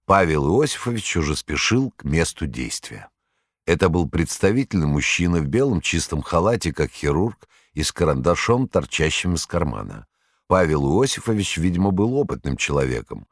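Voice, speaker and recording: A man reading a story aloud with lively, dramatic delivery. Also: low-pitched, normal speed, no echo, studio quality. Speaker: narrator. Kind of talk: scripted narration.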